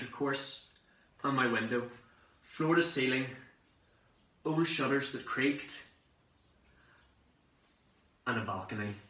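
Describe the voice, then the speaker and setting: In a theatrical monologue, an amateur actor plays a cheeky, excited young man, using a bright, medium-pitched voice with dramatic pauses and conversational storytelling. The mood is excited yet wistful, and the recording is roomy and echoey, captured far from the microphone.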